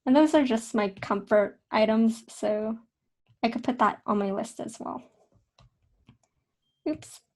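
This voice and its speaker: A young woman teaching a casual drawing lesson, talking in a relaxed, chatty way with fillers and self-corrections. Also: a little high, slow, pauses often. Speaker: art instructor.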